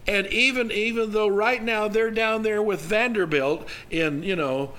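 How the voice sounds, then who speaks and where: A man speaks as a preacher telling a story. His voice is slightly high and clearly bright and forceful. The delivery is folksy and animated, with halting restarts as he works through each thought. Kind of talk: sermon storytelling, conversational.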